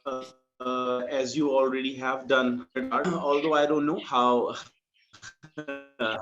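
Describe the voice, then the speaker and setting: A man's voice: medium pitch, fairly bright tone. A man teaching yoga philosophy in an online class, explaining patiently and checking that his student follows. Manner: patient, explains slowly with many checks for understanding. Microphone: video call. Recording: dull lo-fi video call audio with faint music.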